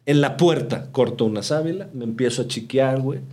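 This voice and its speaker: Mexican man, casual podcast guest, slangy and animated storyteller. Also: mid-range voice, fairly quick. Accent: Mexican Spanish. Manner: slangy, animated, acts out quoted dialogue.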